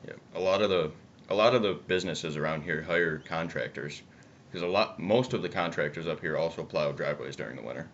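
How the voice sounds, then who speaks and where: A man's voice: a bass voice, fairly quick, a bit bright. A young man chats casually and bluntly, swearing, with chewing tobacco in his lip. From upstate New York, United States. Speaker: video co-host. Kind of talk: casual political chat. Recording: muffled, noisy amateur video audio.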